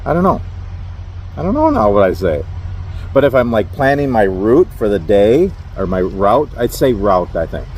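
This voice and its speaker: A middle-aged Minnesota trucker with a Minnesotan accent vlogs casually to camera from his parked truck at a rest area, rambling, poking fun at himself and chuckling often. His voice sits on the low side and a little mellow, with a sing-song lilt at a moderate pace. The recording is rough, with slight background noise.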